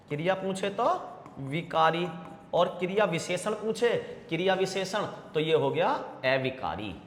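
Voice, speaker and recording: A man teaching Hindi grammar for exam prep, repeating answers slowly and calling students bhaiya and beta. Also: high voice, slight background noise. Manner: drawn-out repetition of answers; calls students 'bhaiya' and 'beta'. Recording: echoey room with long reverb.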